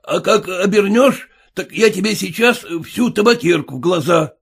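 A man voicing a nervous, haughty gentleman passenger who talks in an indignant, demanding way. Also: sits high, expressive, moderate pace, creaky, slightly rough, voice pushed up, heavily acted. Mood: suspicious, indignant.

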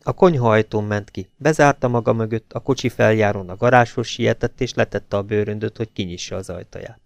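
A man reads a novel aloud in a steady, even narration. His voice has a gravelly edge, and the recording is close and dry with no room sound. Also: fairly low pitch, no room sound. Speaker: audiobook reader. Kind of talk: audiobook narration.

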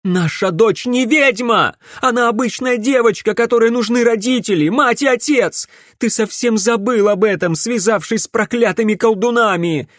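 Guy doing a shrieking noble mom, way up high and loud, dry close sound. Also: normal speed, hardly any pauses, no room sound. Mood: defiant. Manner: shrill, indignant shouting. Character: distraught noblewoman, a mother, shrill and defiant.

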